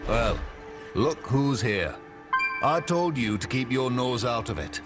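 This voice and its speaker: A man's voice: medium pitch, lively intonation, slow pace. An actor playing a taunting, menacing henchman in a fantasy game, with a sneering, colloquial manner. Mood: taunting threat. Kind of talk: fantasy video game voice acting. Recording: music under the voice. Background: music.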